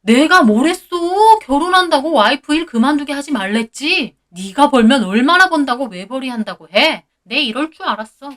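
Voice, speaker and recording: A woman voicing a rude, angry middle-aged brother-in-law who shouts and blames others. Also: a little high, very animated, normal speed. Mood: angry shouting.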